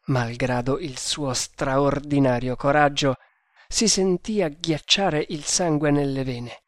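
A man reading an adventure novel aloud in a slow, dramatic narration style. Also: on the high side, fairly even intonation, no echo, clean studio sound. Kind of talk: audiobook narration.

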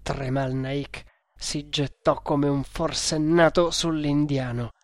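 A reader narrating an adventure novel in a measured, dramatic audiobook style. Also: mid-range voice, fairly even intonation, background noise.

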